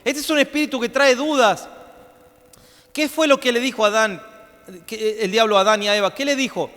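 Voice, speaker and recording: A male pastor preaching a sermon with emphasis, repeating phrases and slowing down to stress them. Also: very high-pitched, a bit bright, big-room sound. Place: church.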